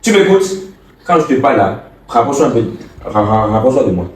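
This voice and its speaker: A man's voice: mid-range voice, sing-song, fast, darkish tone, close to an everyday voice. A man playing a stern scolding older brother. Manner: scolding, repetitive stammer. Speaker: actor in a web skit. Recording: echoey room, far from the mic.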